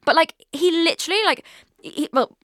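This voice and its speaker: A woman's voice: very high voice, animated, moderate pace, a bit bright, no room sound. A woman in her twenties hosting a casual solo podcast, chatting in a rambling way with lots of fillers and swearing, recorded in a studio. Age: 20s. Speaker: podcast host. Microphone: studio mic.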